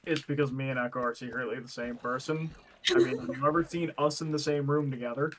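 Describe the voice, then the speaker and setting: A man's voice: mid-range voice, steady tone, quick pace, a bit bright, slight background noise. Joking man on a gaming voice call. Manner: joking, self-mocking. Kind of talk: casual gaming voice chat.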